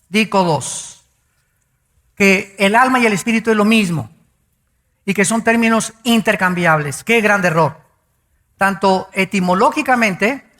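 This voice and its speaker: A male pastor preaching a sermon emphatically, drawing out key words slowly and telling the congregation to write things down. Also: high voice, sharp tone. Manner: addresses the congregation directly, asking them to note things down.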